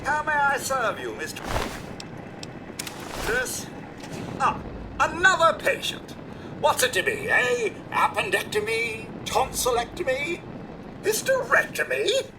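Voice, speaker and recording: A man voicing a smooth, overly polite male robot doctor in a video game, chipper and pompous. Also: very high voice, sing-song, slow pace, long pauses, background noise, exaggerated voice. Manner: pompous, chipper, unsettlingly cheerful. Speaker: vault medical robot.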